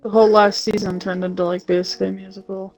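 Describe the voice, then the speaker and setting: Relaxed chatty woman gaming on stream. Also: mid-range voice, quick pace, soft background music, low-quality recording. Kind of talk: casual chat while gaming.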